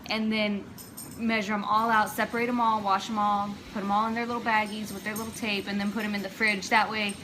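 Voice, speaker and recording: A woman, the host's wife, calmly explaining a food routine step by step. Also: mid-range voice, fairly quick, noisy background. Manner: practical, step-by-step, even-toned. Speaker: vlogger's wife. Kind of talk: casual explaining to camera.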